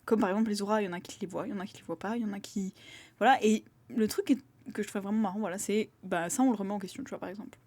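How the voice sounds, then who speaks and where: Fast-talking young woman, rambling casually. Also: mid-range voice, darkish tone, dry recording. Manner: rambling, filler-heavy, acts out quoted voices. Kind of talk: casual spoken monologue.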